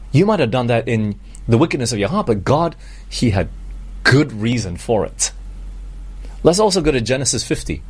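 A middle-aged man from Malaysia preaching a sermon, earnest, slowing down on scripture and asking the congregation rhetorical questions. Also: mid-range voice, a little mellow, husky. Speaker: pastor.

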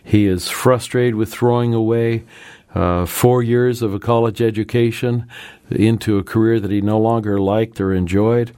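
A man hosting a religious radio program, telling a story in a gentle, measured way and then talking with a guest. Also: lowish voice, fairly even intonation, clean tone, dry recording. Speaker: radio Bible program host.

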